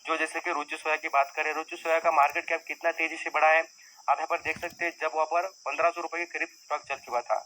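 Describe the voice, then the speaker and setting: A man's voice: a little high, level tone, quick pace, sharp tone, poor audio. A man teaching viewers about stock market risk in a conversational, repetitive lesson style. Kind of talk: explanatory screen-share lesson.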